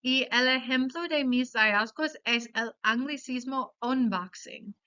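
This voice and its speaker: Slow, careful woman giving a lesson. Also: high voice, bright, forceful tone, smooth. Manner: careful, explanatory, pronounces example words slowly. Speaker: student presenter. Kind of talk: class presentation on pronunciation. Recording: dull lo-fi sound.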